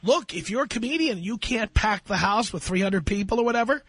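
Blunt, husky-voiced radio host. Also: male voice, high-pitched, animated, brisk, a bit bright, no echo. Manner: blunt, lecturing, emphatic. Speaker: radio talk show host. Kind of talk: call-in advice talk.

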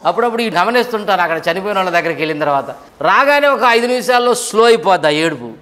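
A middle-aged pastor from India preaches a sermon, asking questions and pressing his points with intensity that rises and falls. His voice sits high, with lively intonation, a sharp tone, and rapid-fire delivery.

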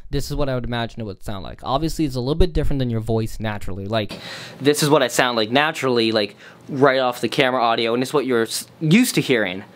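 A man's voice: medium pitch, quick pace. Chatty young man testing studio mics. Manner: excitable, chatty, lots of restarts. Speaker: vlogger. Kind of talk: casual gear-review chat. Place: studio room. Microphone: studio condenser mics, swapped between models.

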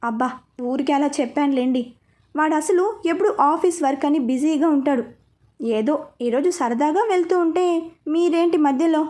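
A woman voicing a gentle, quick-witted middle-aged mother in a storybook reading. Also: high-pitched, natural voice.

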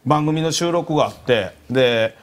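A young adult man with a Kansai Japanese accent, appearing as a comedian on a TV panel, tells a comic anecdote and acts out the voices of the people in it. His voice is on the high side and his pace moderate, delivered with animated storytelling.

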